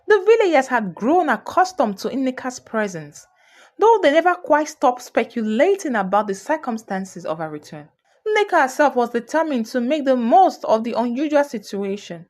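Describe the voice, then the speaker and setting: A woman narrating a folktale expressively and voicing each character herself. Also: high-pitched. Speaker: storyteller. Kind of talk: storybook narration.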